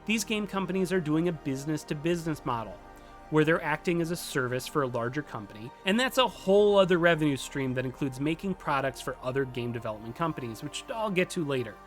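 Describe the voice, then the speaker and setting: Hosting a game development tutorial, this man reads a scripted explainer at a quick, animated clip, tossing in playful and emphatic asides. His pitch is fairly high, and music plays behind him.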